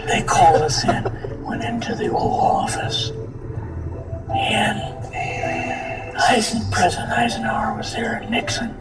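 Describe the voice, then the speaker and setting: An elderly man with a weak, whispery voice, recounting his experiences haltingly in an interview. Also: sits high. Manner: halting, with long pauses. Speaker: interviewee recounting past government service. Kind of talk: slow personal recollection in an interview. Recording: roomy, distant mic under loud music.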